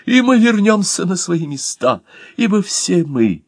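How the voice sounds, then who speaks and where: A man reading an audiobook and voicing a sentimental, theatrical older actor who declaims slowly and with feeling. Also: sits high, big pitch swings, dry recording, studio quality, pitched above the performer's own voice, full character voice. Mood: lyrical. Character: lyrical old drunk actor, theatrical, sentimental.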